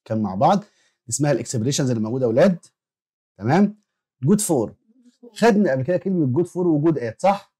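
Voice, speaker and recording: A male English teacher with an Egyptian Arabic accent runs a children's lesson at a rapid clip. His voice is dark and mellow. He drills vocabulary, waits for the pupils to repeat, and keeps tossing questions at them. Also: on the high side, expressive, breathy edge. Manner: quick, repeats words for pupils to echo and asks them questions. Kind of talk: classroom lesson explanation.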